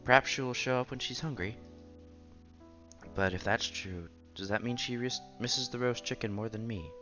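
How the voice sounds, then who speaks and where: At a normal pace, a man with a mid-range voice and fairly even intonation reads a visual novel aloud as narrator and lead. He's a channel host who sometimes stumbles over words and rereads them. Background music accompanies the dull-sounding audio.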